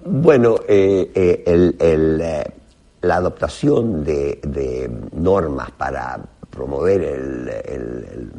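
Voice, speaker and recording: Gravelly, low-voiced man speaking Spanish. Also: animated, dark tone. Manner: halting, groping for words in Spanish. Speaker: professor, interview guest. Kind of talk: interview answers, explanatory.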